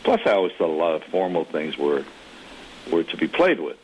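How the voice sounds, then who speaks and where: A man's voice: low-pitched, big pitch swings, a little fast, darkish tone, slight background noise, rough recording. A man, a former radio DJ, looking back on his career in an interview in a loose, playful way. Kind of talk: interview reminiscence.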